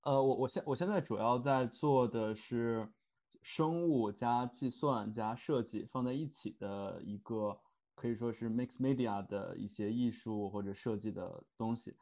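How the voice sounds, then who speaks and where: A man's voice: mid-range voice, a little slow, a little mellow. A young man in his twenties, a student, speaking as a podcast guest in a hesitant way with many restarts. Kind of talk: casual chat.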